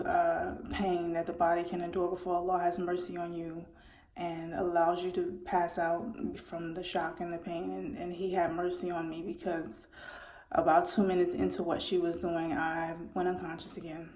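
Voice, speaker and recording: Woman in her forties, low mellow voice, earnest and halting, roomy echo. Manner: earnest, halting, with repeated restarts. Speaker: mother telling her birth story. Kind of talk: personal storytelling.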